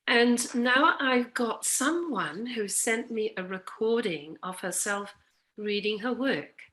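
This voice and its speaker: Slow-paced woman hosting an open mic. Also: a little high, expressive, a bit bright, rough recording. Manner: encouraging. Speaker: host of a poetry open mic. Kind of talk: casual event hosting.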